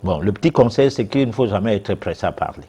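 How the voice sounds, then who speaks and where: A man's voice: lowish voice, expressive, fast talker, warm tone, husky. A man, a guest expert on a TV talk show answering viewers' questions, hesitant with many fillers and restarts.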